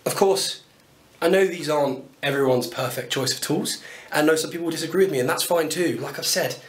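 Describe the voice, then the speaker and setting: Talking a little fast in a fairly high voice, a British man in his thirties, a woodworking YouTuber, gives an upbeat, self-deprecating tour of his tools to camera. A distant camera mic in his small indoor home workshop leaves him off-mic, with a roomy workshop sound.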